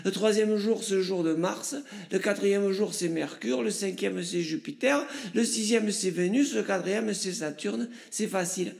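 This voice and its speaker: A man doing a goofy high-voiced know-it-all hero. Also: normal speed, creaky, hardly any pauses. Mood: goofy lecturing. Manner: silly voice, loud bright explaining. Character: goofy know-it-all male superhero character. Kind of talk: comic sketch monologue.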